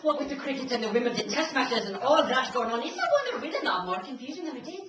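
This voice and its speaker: A fawning hotel manager. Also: female voice, high voice, lively intonation, fast talker, a crowd in the background. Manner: chatty, fawning, over-polite. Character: fussy polite hotel manager woman. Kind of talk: live stage comedy acting. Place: theater stage. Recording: echoey stage from a distant mic.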